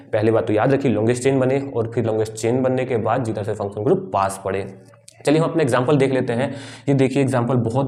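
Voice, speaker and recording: A male teacher with a mellow, warm voice, pitched in the middle range. He explains patiently, one step at a time, and keeps turning to his students with questions that he then answers himself. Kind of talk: classroom lecture.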